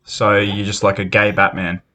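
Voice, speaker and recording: A man's voice: fairly low pitch, monotone, moderate pace, pushed and bright. An Australian man hosting a casual podcast, bantering in a matey, sweary tradesman's way. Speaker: podcast host.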